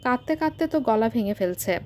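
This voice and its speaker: A woman voicing a bitter, irritable mother who speaks in a sharp, annoyed tone in an audio story. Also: on the high side, lively intonation, fairly quick, lightly acted. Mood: irritated.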